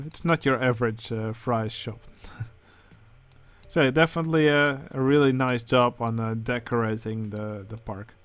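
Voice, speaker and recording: A man with a Dutch accent, speaking English as a second language, who hosts a channel and comments casually on game contest entries, pausing often with filler sounds. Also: mid-range voice. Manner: hesitant, many filler sounds. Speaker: channel host judging a building contest.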